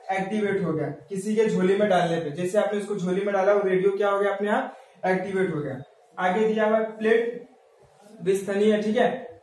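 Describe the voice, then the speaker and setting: A teacher with a high, slightly mellow voice gives an exam-prep lesson on memory tricks, asking questions, answering them himself, and repeating key words. He is recorded off mic from a distance in a very echoey room with faint ambient noise.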